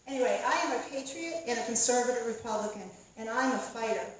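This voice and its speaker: A woman's voice: a little high, fast talker. Hesitant woman in an echoey hall. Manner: hesitant, loses her train of thought. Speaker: candidate. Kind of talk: debate speech. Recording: echoey room from far off.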